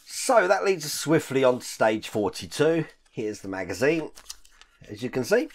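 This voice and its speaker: A hoarse man in his fifties, his deep, rough voice croaky after an illness and broken by the odd cough, hosts a channel and casually walks through a model build step by step. He's very animated and chatty at a moderate pace, explaining each step as he handles the parts. The setting is a home hobby room packed with collectibles.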